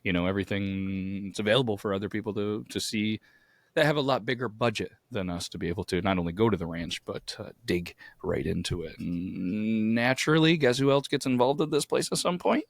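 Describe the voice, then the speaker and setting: A man with a hoarse, grating voice from too much yelling, chatting casually as a podcast co-host. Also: on the low side, a little fast, dry recording.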